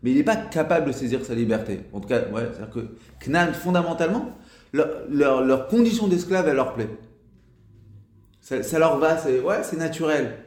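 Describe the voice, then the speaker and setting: A man giving a casual spoken lesson as a religious teacher, talking in a halting way with frequent restarts and fillers. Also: on the high side, expressive, darkish tone, echoey room.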